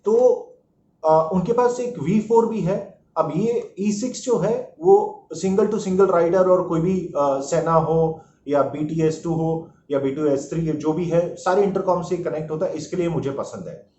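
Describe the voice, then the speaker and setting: In a relaxed product review, a motorcycle vlogger talks through his gear and mixes English phrases into what he explains. He speaks at a measured pace in a mellow, slightly high voice. The audio is muffled and dull, with room echo and a little noise.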